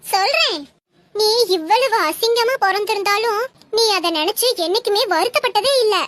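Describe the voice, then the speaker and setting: A woman's voice: very high voice, animated, normal speed, a bit bright. A woman acting a teasing, bossy older sister in a comedy sketch, mocking and scolding.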